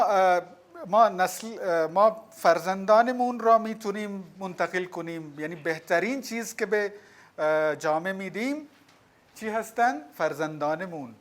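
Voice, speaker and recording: A man with a high voice teaches a class. He drags out key words and says them again. He keeps turning to the students with questions. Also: fairly bright tone. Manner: explains slowly, repeats and stretches key words, asks the class questions. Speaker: Sanskrit teacher. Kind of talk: classroom lesson explaining words.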